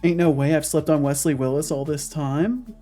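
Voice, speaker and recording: With a slightly high voice at a normal pace, a man in his thirties codes live from his home office and chats casually with viewers in between. The streamer and game developer keeps a relaxed tone, and faint music plays behind him.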